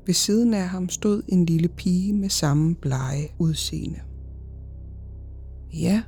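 A woman hosting a podcast, reading a horror story in a measured, even storytelling manner. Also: lowish voice, breathy edge, soft background music. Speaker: podcast host and narrator. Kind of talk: scripted horror story narration.

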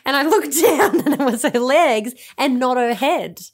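A woman's voice: high voice, expressive, a little slow. A woman, co-hosting a casual chat, rambling through stories and laughing often. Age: 30s. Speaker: podcast co-host.

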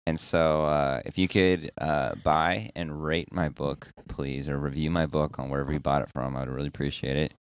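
A man's voice: rumbling low, steady tone, normal speed, hardly any pauses, clean tone. A man hosting a casual podcast discussion, rambling and searching for words with frequent restarts. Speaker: podcast host.

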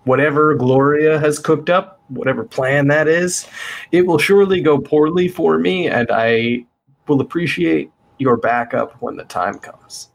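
A man's voice: on the high side, measured pace, gravelly. A man playing his character in a tabletop game, cocky and boastful. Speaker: player.

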